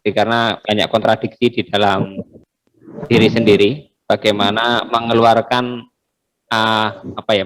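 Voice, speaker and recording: A man moderating an online community meeting, chatty and a bit hesitant, commenting before handing over to guests. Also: mid-range voice. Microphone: video call.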